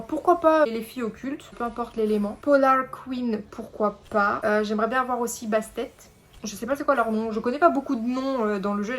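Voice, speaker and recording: Chatty young French woman gaming. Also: a little high. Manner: chatty, rambling, lots of fillers and self-corrections. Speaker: gaming YouTuber. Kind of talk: casual gameplay commentary.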